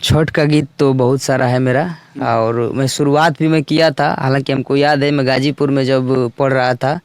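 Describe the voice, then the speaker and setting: A young man, a singer and songwriter, answering interview questions in an earnest, unhurried, polite way. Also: mid-range voice, steady tone, smooth, no echo. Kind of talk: casual interview talk.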